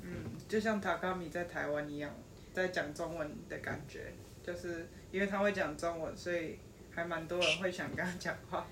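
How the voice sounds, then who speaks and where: A woman's voice: fairly low pitch, steady tone, normal speed. A woman co-hosting a podcast, asking questions and commenting in casual conversation. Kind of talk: casual chat. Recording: distant mic, clear background noise.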